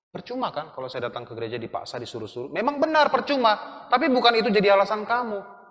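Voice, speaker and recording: A man's voice: sits high, big pitch swings, fast, fairly bright tone. A man with an Indonesian accent, teaching a Sunday school sermon to young people in an earnest, admonishing way. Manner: earnest, admonishing, asks the listeners questions. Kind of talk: sermon to youth. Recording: long hall reverb.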